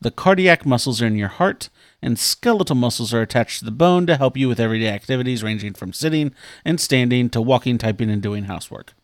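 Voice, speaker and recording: A man's voice: mid-range voice, animated, quick pace, dry recording, clean studio sound. A man co-hosting a casual fitness podcast, easygoing, reading out trivia questions in earnest. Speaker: podcast co-host running a trivia segment. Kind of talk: casual chat.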